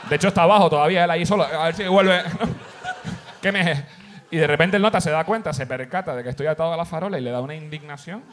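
A man with a Canarian Spanish accent, a comedian telling a comic story on a talk show, fast and animated, slipping into voices. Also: fairly high pitch, a little hiss or hum. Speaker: comedian guest.

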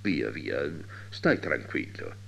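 A man voicing a troubled adult son who tries to calm his father in a low, dejected tone. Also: measured pace. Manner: soothing, dejected.

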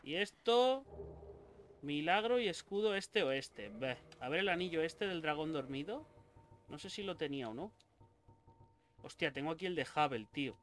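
A young man with a Spain Spanish accent giving let's play commentary, excitable and swearing a lot as he talks to the game characters. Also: a little high, normal speed, pauses often. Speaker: gaming YouTuber.

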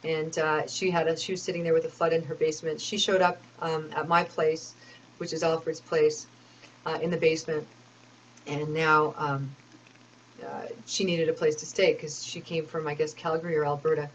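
A woman's voice: low voice, little pitch movement, normal speed, slight background noise, poor audio. A woman telling a rambling personal story, aggrieved and complaining, with many fillers and restarts.

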